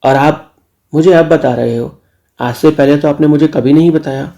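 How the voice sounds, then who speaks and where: A man's voice: a little high, fairly even intonation, normal speed, gravelly, mellow, dull audio. Man doing a cheeky young nephew. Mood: defensive. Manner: cheeky, defiant.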